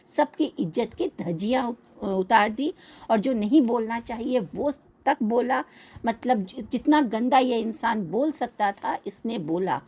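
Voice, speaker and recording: A woman's voice: on the high side, darkish tone, husky. Indignant, scolding woman. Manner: indignant, scolding, asks pointed questions. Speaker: reaction video host. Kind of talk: critical commentary on online creators.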